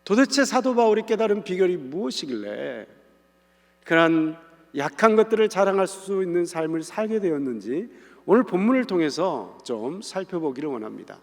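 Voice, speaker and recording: A man's voice: high-pitched, very animated, moderate pace. A male pastor preaching a sermon in an earnest, conversational way, turning to the congregation with questions. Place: church sanctuary. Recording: echoey church hall.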